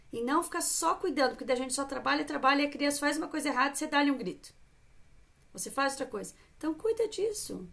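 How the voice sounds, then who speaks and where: A high-voiced woman coaches mothers on a live stream. Her gravelly voice stays earnest and coaxing as she acts out calm talks with a child. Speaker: parenting coach.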